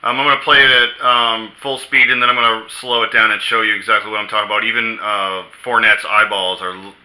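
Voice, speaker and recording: A man commenting on a football play in a casual vlog, emphatic and incredulous, slowly stressing his words. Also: lowish voice, level tone, bright, forceful tone, rough recording.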